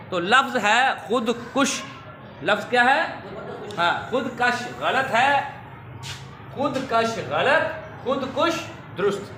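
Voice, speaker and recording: A high-voiced man teaches pronunciation to children, going slowly and repeating each wrong form and then the correct one. His tone is bright and forceful. The room is echoey, with a faint hum of ambience behind him. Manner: slow, drills correct and wrong forms, addresses dear children. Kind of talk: classroom pronunciation lesson.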